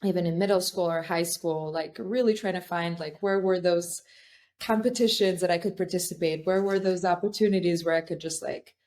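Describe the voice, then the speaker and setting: A woman's voice: on the low side, steady tone, brisk, a little mellow. A young woman from Albania, a founder, talking thoughtfully in a podcast interview with many fillers and restarts. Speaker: guest, startup founder.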